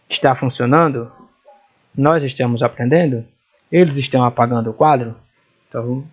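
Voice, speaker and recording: A man's voice: medium pitch, darkish tone, slightly rough, dull audio. A man teaching English grammar in Portuguese, stopping often to spell English words out letter by letter. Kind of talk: grammar lesson walkthrough.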